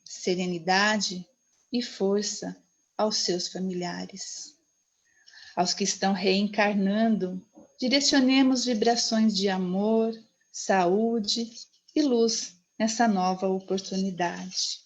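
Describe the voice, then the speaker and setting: A woman leading a spiritist group prayer in measured, solemn, reverent phrases. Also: mid-range voice, steady tone. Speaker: prayer leader.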